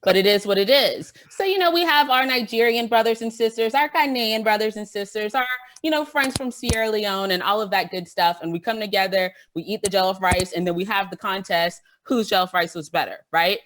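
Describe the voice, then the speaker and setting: A woman from a West African immigrant family joins a podcast panel as a guest, chatting lively about events. Her medium-pitched voice is brisk and a little bright, and she speaks enthusiastically and emphatically, often checking in with "right?". The recording is clear, with some clicking sounds.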